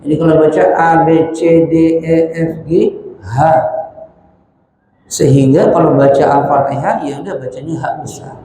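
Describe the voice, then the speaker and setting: A man's voice: a little high, steady tone, measured pace, mellow. A man teaching Quran recitation rules, carefully demonstrating each sound and correcting common mistakes. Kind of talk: tajwid lesson with chanted recitation. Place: mosque hall. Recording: echoey hall with long reverb.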